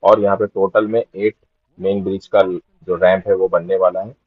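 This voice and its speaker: A deep-voiced man reads out facts in a steady, informative voice-over with little rise and fall. His tone is husky. The recording is dry and somewhat dull. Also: normal speed, dry recording. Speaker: motovlogger. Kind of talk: voice-over explanation.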